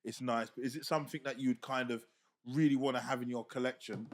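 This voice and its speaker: A man's voice: medium pitch, steady tone, a little fast. A man, co-hosting a casual chat with a playful, teasing manner. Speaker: podcast co-host.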